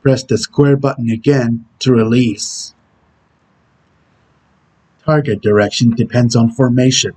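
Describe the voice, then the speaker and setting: Husky, stern, brooding game antihero played by a man, medium pitch, delivering terse tutorial instructions. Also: steady tone, measured pace, long pauses, darkish tone, lightly acted, low-quality recording. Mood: stern, instructional. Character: Shadow, brooding male video game antihero giving tutorial hints. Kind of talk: character impression reading game tutorial instructions.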